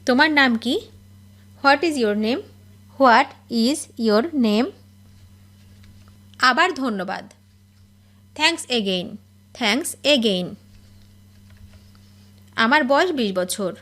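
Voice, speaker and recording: A woman teaching spoken English, reading each phrase and then repeating the English slowly and clearly. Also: fairly high pitch, lively intonation, sharp tone. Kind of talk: slow phrase-by-phrase language drill.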